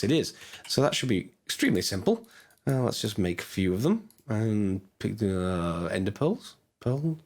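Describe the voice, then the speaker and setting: A man with a hoarse voice, chatting casually as he narrates his gameplay, thinking aloud with lots of fillers. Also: fairly low pitch, darkish tone. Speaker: gaming channel host. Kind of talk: casual let's-play commentary.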